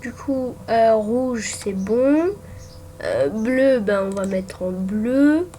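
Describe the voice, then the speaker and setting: A woman's voice: a little high, expressive, extremely slow, dark tone. A young woman giving casual commentary while making a ranking on her computer, hesitant with many fillers and restarts. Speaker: gaming YouTuber. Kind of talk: casual screen-recorded commentary. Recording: faint background noise with keyboard typing.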